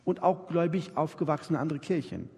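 Pitched fairly high and a bit husky, this man talks at a brisk clip with a touch of mellowness. He's leading a church workshop where the audience takes part, pressing his points hard, saying things twice and checking in often to see they understand. The sound comes through a live-recording microphone in a hall full of long, lingering echo.

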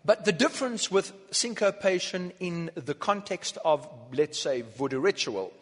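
A man lecturing on music in short phrases, pausing for an interpreter and counting out beats. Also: high-pitched, animated. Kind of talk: lecture given through an interpreter. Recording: long hall reverb.

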